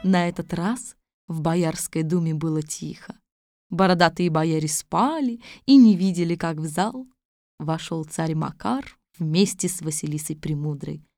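A woman narrating a fairy-tale audiobook in a lively, expressive way. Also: low voice, unhurried, no echo, clean studio sound. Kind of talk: scripted storybook narration.

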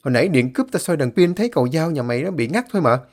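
A man's voice: on the high side, sing-song, very fast, pitched above the performer's own voice. A man voicing a blunt, scolding older uncle who is an exorcist. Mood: gruff.

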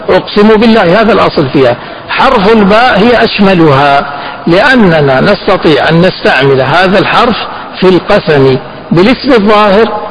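A man teaching a fiqh text. He asks his students questions, answers them himself, and slows down to stress the key phrases. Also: high-pitched, low-quality recording. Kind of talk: classroom lesson explaining a text.

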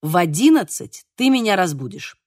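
A woman voicing a calm middle-aged man who speaks in a measured, sober way. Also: lowish voice, no room sound, studio quality. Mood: grave.

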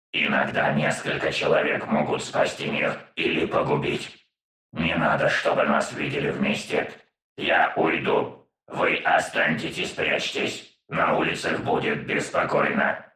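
A man voicing an old male cyborg in a flat, mechanical half-whisper with an echoing robotic filter, as in an audiobook. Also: extremely low pitch, a little slow, pitched below the performer's own voice, exaggerated voice. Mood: grave. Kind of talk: audiobook narration.

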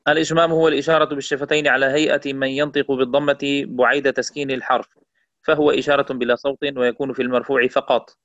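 A man's voice: medium pitch, dry recording, lo-fi sound. A man, a student in a class, reading out definitions of recitation terms from a text. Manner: quick, flat recitation of definitions.

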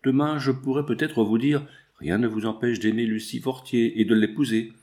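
A man voicing an older artist who confides calmly in a young friend in a read-aloud novel. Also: medium pitch, moderate pace, close to an everyday voice. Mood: confiding. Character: older male artist, kindly mentor.

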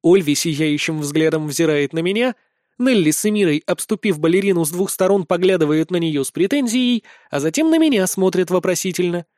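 A man narrates a first-person fantasy audiobook in a high, lively voice that rises and falls expressively. He reads close to the mic, and the recording is dry, with no room sound. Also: brisk, no echo.

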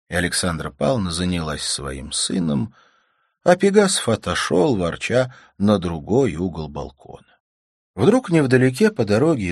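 A low-voiced man reading a classic novel aloud, his delivery lively and expressive, rising and falling with the story. The recording is dry and close. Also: husky, no echo. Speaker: audiobook narrator. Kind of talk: audiobook narration.

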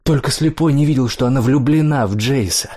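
A man's voice: medium pitch, a little fast, a little mellow, pitched above the performer's own voice, natural voice. A man reading an audiobook and voicing a cruel young man who sneers at his brothers. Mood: mocking. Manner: sneering and scornful.

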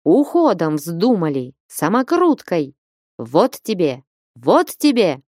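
Woman doing a shouty old peasant dad from a storybook, slow heavy yelling, dry sound. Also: fairly low pitch, sing-song, no echo, full character voice. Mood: furious shouting. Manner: shouting, thundering. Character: stern old peasant father, hot-tempered yet soft-hearted.

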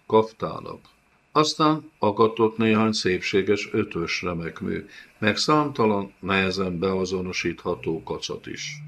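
A man narrating a fantasy novel as an audiobook in a steady storytelling delivery. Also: fairly low pitch, vocal fry. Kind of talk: scripted narration.

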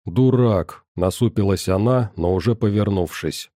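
A man narrating a first-person audiobook in a calm, even storytelling manner. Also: medium pitch, measured pace, dry recording, clean studio sound.

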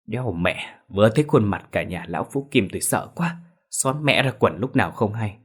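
A pompous but cowardly old village chief pleads in a low, husky voice, as a male storyteller plays him. His pitch rises and falls in lively swings. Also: normal speed. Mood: fearful mutter. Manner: frightened, pleading, mutters.

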